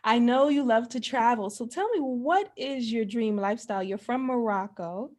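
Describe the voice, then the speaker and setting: A woman with a somewhat high voice hosts a relaxed interview. She is enthusiastic, quick to agree and laughs along with her guest. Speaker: podcast host. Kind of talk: casual interview chat.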